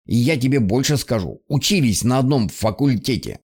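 A man voicing a grumpy male talking raven in an audiobook, slow and insistent. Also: mid-range voice, lively intonation, darkish tone, slightly rough.

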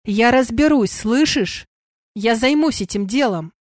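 A woman's voice: fairly high pitch, animated, a little slow, no room sound, studio quality. A woman voicing a protective male werewolf, giving firm, urgent commands in an audiobook. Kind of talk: audiobook character voice.

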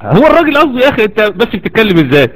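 Fast, high-voiced Egyptian lecturer. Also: male voice, huge pitch swings, low-quality recording. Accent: Egyptian Arabic. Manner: argumentative, full of rhetorical questions to the audience. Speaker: Islamic lecturer. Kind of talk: religious lecture.

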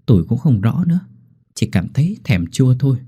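A man's voice: mid-range voice, big pitch swings, fairly quick, mellow, husky. A man voicing a timid young pregnant country wife, stammering and pleading. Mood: soft.

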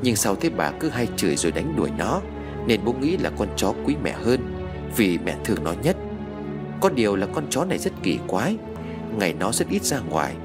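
A man narrating a horror story in a lively, expressive storytelling manner. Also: fairly low pitch.

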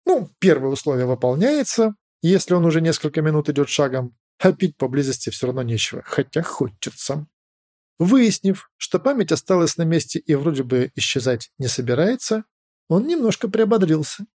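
Guy narrating an audiobook, dramatic storytelling, pitch moves around a lot, dry close sound. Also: big pitch swings, moderate pace, warm tone, dry recording. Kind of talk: scripted fiction narration.

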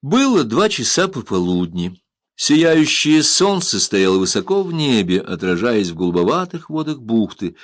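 An audiobook narrator reads an adventure novel in a measured, expressive style as scripted narration. His voice is mid-range, and the studio-quality recording has no room sound.

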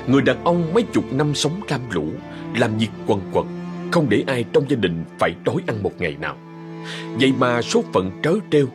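A male storyteller reads a ghost story in a measured, dramatic way. His pitch sits mid-range but moves expressively through the lines. Quiet music runs under his voice. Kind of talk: ghost-story audiobook narration.

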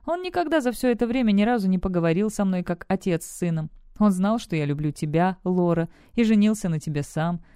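A cynical, scheming young man in an audiobook, as a woman reads his part. He talks in a smug, brusque way. The voice is dark and smooth, and the recording is dry and close. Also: medium pitch, expressive, fairly quick, hardly any pauses, no room sound, close to an everyday voice. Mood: bitter.

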